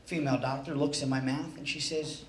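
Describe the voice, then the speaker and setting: A man's voice: mid-range voice, fairly even intonation, a little fast. A middle-aged man doing a stand-up routine, telling a story in a profane, exasperated way. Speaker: stand-up comedian. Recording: echoey, noisy room recording.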